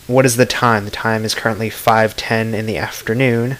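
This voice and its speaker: A man's voice: on the low side, level tone, moderate pace, a bit bright, rough recording. Offhand, blunt man from Florida. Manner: offhand, blunt, swears freely. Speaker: vlogger. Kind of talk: casual chat answering tag questions to camera.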